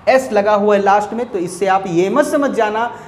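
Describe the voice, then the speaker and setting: A man teaching English grammar in Hindi, who repeats each rule and reads English example sentences slowly in an Indian accent. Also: high-pitched. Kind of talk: Hindi-medium grammar lesson. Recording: echoey room, faint background hiss.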